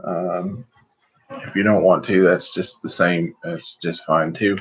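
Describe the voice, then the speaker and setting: A middle-aged man chatting casually and folksily on a livestream, rambling along with hesitant pauses. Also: deep voice, fairly even intonation, slightly rough. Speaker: host of a livestream vlog. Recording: slightly muffled, lo-fi livestream audio.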